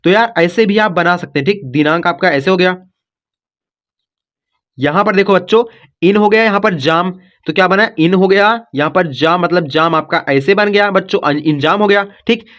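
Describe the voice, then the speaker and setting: Male tutor, high voice, patient and repetitive, walks learners through each word, slightly muffled lo-fi audio. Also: normal speed, fairly bright tone. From India. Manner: repetitive, coaxing, says "ठीक" and "बच्चों" often. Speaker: teacher. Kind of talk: step-by-step spelling lesson.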